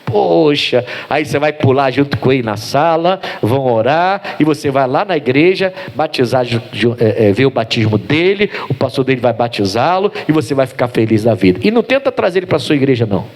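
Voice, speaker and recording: A man's voice: medium pitch, fairly quick, few pauses. A man with a Brazilian Portuguese accent, a pastor preaching a sermon who acts out bits of dialogue along the way. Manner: animated preaching with acted-out dialogue.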